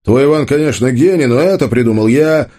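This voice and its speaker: A man doing a gruff, hot-tempered young man. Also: medium pitch, lively intonation, normal speed, warm tone, voice pushed up, close to an everyday voice. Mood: angry. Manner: gruff, curt.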